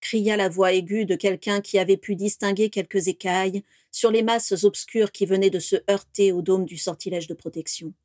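A woman narrating a fantasy story in a steady, expressive reading voice. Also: mid-range voice, normal speed, hardly any pauses, no room sound, clean studio sound. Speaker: audiobook narrator. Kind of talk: scripted narration.

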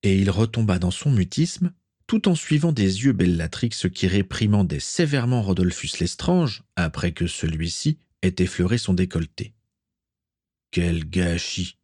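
A man reading a story aloud as narrator, steady and measured. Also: deep voice, husky, no room sound, studio quality.

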